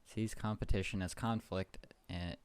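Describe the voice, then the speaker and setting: A young man co-hosting a casual podcast, dropping deadpan quips and breaking into bursts of laughter. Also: sits low, moderate pace, clear, resonant tone. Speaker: podcast co-host. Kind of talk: casual chat.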